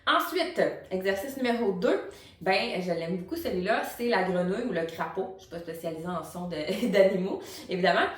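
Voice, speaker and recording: A woman with a Quebec French accent explains things like a singing coach, informal and encouraging, in a mid-range voice. She sounds a little way from the microphone, in a room with clear echo. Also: mid-range voice, a little fast. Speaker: singing teacher and vocal coach. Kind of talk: tutorial explanation to camera. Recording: roomy echo, distant microphone.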